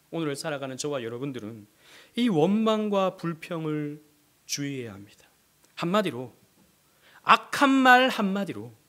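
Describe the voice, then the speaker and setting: Male pastor, impassioned sermon delivery; high voice with a very animated pitch range; rhetorical questions, loud-to-hushed dynamics. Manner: impassioned preaching with sharp swings between loud and hushed.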